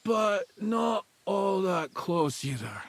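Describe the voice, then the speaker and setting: A male actor playing a drunk, injured huntsman in a video game, slurring like a town drunk in a raspy, self-pitying voice. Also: high-pitched, big pitch swings, takes it slowly, no room sound, exaggerated voice. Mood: drunken, rambling. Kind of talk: video game character acting.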